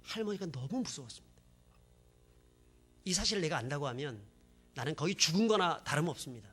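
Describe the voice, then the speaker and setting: Brief: male pastor, high bright voice, dramatic testimony, hushed to loud. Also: lively intonation, brisk, husky. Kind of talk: sermon testimony.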